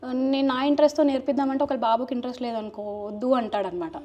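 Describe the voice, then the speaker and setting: A mother speaking casually in an interview, then patiently quizzing her small child and coaxing louder answers. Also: high voice, steady tone, fast, dull audio.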